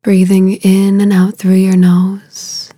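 Soothing and unhurried, a woman leads listeners through a guided meditation, speaking brief phrases softly and breathily with lengthy silences in between. Her delivery stays monotone at a medium pitch, recorded without any room sound.

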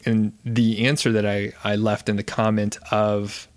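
A man's voice: fairly low pitch, level tone, unhurried. A man hosting his own podcast, talking casually and chattily, sometimes correcting himself mid-sentence. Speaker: podcast host. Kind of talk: solo podcast talk.

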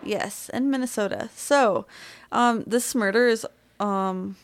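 A woman's voice: a little high, takes it slowly. Chatty young woman telling a story. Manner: chatty, filler-heavy, laughs easily. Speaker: podcast co-host. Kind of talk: casual true-crime storytelling.

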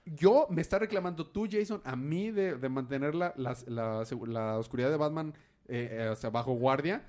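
A man voicing an indignant young male comic-book hero, pitching his voice up into a sarcastic retort. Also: normal speed, darkish tone, lightly acted.

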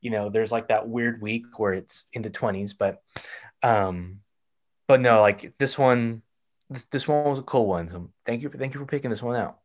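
A man's voice: medium pitch, normal speed. A man with a Texan accent, co-hosting a casual podcast chat and rambling with lots of fillers and restarts. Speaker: podcast co-host.

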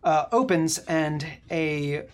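A woman's voice: low voice, expressive, takes it slowly. A woman game master improvising narration for a tabletop role-playing game.

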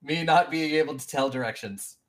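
A woman acting as game master of a tabletop game, narrating in a relaxed way, often laughing and restarting her sentences. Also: sits low, brisk.

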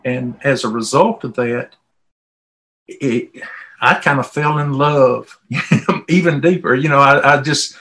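Taking his time and pausing often, a middle-aged man with a Southern US accent speaks in a steady, sharp-toned, mid-range voice. As a volunteer interview guest, he recounts personal stories with folksy, conversational ease.

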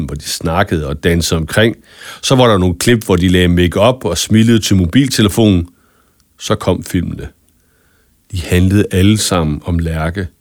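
Storybook narrator, male, lowish and expressive, dry studio read. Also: no room sound. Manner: expressive children's story reading. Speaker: audiobook narrator. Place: studio booth.

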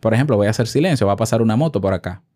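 A podcast host speaks very fast in a fairly low, slightly mellow voice, giving offhand tips into a close-held shotgun mic from a room in his house. He keeps it chatty and asks his listener questions.

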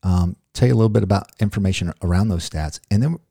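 A man's voice: low voice, fast talker, vocal fry, warm tone, no room sound, clean studio sound. A middle-aged man hosting a podcast in casual chat, rambling and joking off on tangents. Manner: rambling, jokey, goes off on tangents. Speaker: podcast host.

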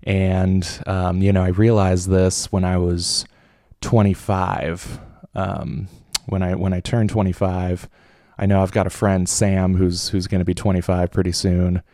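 A man in his late twenties hosts a casual solo podcast, jittery from coffee and rambling with lots of fillers and restarts. His voice sits low, mellow and flat, a little slow, recorded at studio quality with no echo.

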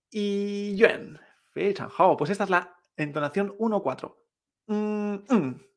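A woman teaching Chinese pronunciation in a patient lesson, drilling tones with repeated examples and praise. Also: sits low.

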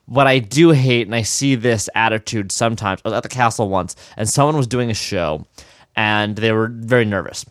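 A man's voice: fairly low pitch, normal speed, dry recording, clean studio sound. A man co-hosting a podcast, telling a story in casual chat with many restarts. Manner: animated storytelling, frequent restarts. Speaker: podcast co-host.

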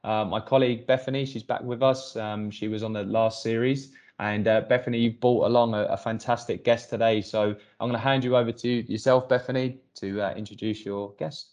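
A man hosting a podcast, handing over to his co-host in a relaxed way with lots of fillers. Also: medium pitch, fairly quick, hardly any pauses.

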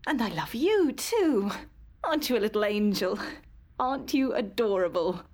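An actress playing a calm, faintly sinister woman who speaks in soft, slow, soothing whispers. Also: mid-range voice, natural voice.

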